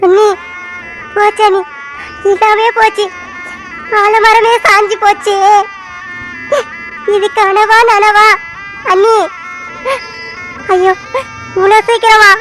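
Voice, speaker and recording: A very high-pitched grieving sister, crying and wailing to the heavens. Her sobbing carries through every line of this cartoon drama. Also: level tone, unhurried, long pauses, a bit bright. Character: Sarasu, sister mourning her brother, wailing.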